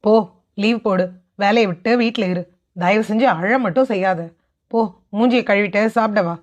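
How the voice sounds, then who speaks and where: A woman's voice: mid-range voice, moderate pace, lightly acted. Woman doing a short-tempered young husband. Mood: irritated. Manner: sharp, lecturing.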